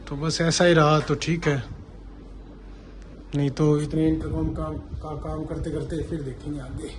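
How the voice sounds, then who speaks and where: Speaking a little slowly and with a flat delivery, a man with a fairly high voice vlogs for his viewers as he installs CCTV at work sites. His voice has a flavour, and he keeps it informal and chatty, explaining as he goes. The recording picks up clear location noise such as traffic.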